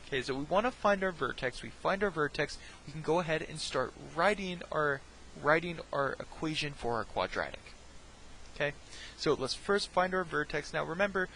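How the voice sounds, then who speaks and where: Gravelly, bright-voiced man teaching math. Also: on the high side, a little hiss or hum, poor audio. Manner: talks through steps, often checking with "right?"; jokey, self-deprecating asides. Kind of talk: recorded math lesson.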